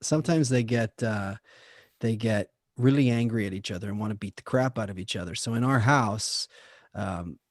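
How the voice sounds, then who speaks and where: A middle-aged man, a podcast co-host, speaks in casual conversation, hesitant and measured, over a video call. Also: fairly low pitch, no room sound, clean studio sound.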